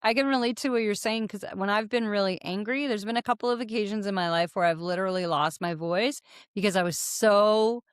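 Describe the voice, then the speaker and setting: Woman cohost, smooth clear voice, pauses a lot with um and uh, dry close sound. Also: mid-range voice, dry recording. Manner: thoughtful, with many "uh" and "um" pauses. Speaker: podcast co-host. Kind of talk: casual group conversation.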